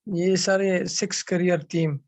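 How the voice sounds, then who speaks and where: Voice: medium pitch, fairly even intonation, a little slow, darkish tone. A webinar participant on an online call whose voice keeps cutting out, making brief, polite requests. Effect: choppy online call audio cutting out. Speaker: webinar participant asking a question.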